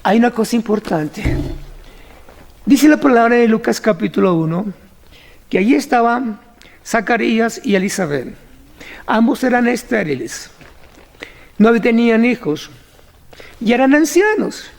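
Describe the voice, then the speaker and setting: Un pastor predicando un sermón con fervor, alargando las frases enfáticas y repitiendo "aleluya". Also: male voice, very high-pitched, animated, creaky. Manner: fervent preaching, drawn-out emphatic phrases, frequent "aleluya". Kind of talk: sermon.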